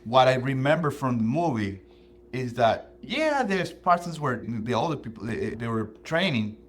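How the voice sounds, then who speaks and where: A man co-hosting a casual podcast chat, speaking in a passionate, animated, somewhat preachy way. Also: medium pitch, normal speed. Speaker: podcast co-host.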